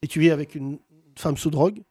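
A man's voice: on the high side, a little fast, warm tone, breathy edge, no echo. A man hosting with casual, teasing banter, often laughing as he needles his guests. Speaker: show host.

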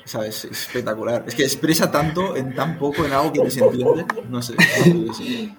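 A man's voice: medium pitch, animated, moderate pace, gravelly. Guy chatting, crowd behind. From Spain. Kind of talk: casual chat.

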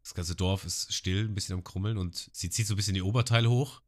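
A man's voice: low voice, steady tone, fast talker. A man co-hosting a casual podcast, retelling an anime episode scene by scene and acting out the lines. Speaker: podcast co-host.

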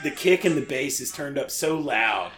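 A man in his forties with a drawl, chatting casually on a podcast. His voice sits at an everyday middle pitch. He muses aloud and lets his thoughts trail off before picking them back up. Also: lively intonation, moderate pace, fairly bright tone, faint music behind. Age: 40s.

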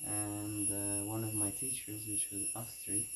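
A man speaks in a measured, hesitant way, pausing often between phrases. The recording is outdoors and carries clear background noise. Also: fairly low pitch, completely flat delivery. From Portugal, Azores. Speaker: interview guest, dancer. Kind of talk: casual interview answers. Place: outdoors in a forest.

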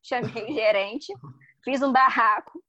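A woman's voice: a little high, sharp tone, highs cut off. A woman, telling her own stories in a casual, emphatic chat. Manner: rapid, emphatic storyteller.

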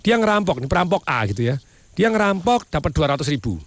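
A middle-aged man, a business owner, telling folksy, animated stories in casual talk. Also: fairly high pitch, quick pace, dry recording.

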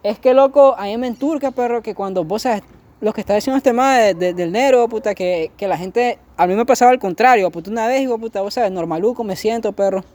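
A man's voice: high-pitched, quick pace, a little mellow. A young man with a Nicaraguan accent ranting in crude casual chat, swearing nearly every phrase. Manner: swears constantly, storytelling rants.

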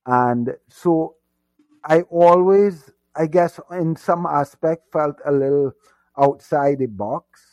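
A man's voice: a little high, takes it slowly, a little mellow. A man from Trinidad and Tobago, a guest in an interview, talking reflectively about growing up. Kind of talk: conversational interview.

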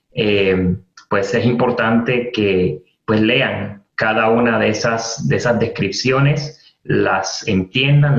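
A man's voice: fairly low pitch, a bit bright. Man explaining a training webinar, roomy. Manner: explanatory, frequent fillers and restarts, repeats key terms. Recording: roomy, dull lo-fi webinar audio.

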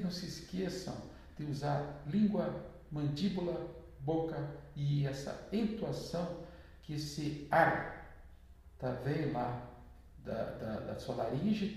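A man's voice: on the high side, mellow. A man with a Brazilian Portuguese accent, a therapist giving a casual spiritual talk in a chatty way, often tagging his sentences with little questions. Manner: chatty, frequent tag questions. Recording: very echoey room, voice from far off.

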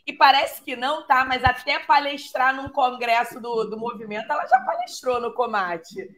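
A woman with a carioca accent from Rio hosts a casual live chat. Her voice sits slightly high. She talks informally and haltingly, addressing the viewers directly. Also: sing-song, a bit bright, slight background noise, poor audio. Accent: Rio de Janeiro (carioca). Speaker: live-stream interview host. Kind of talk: casual chat, introducing a guest.

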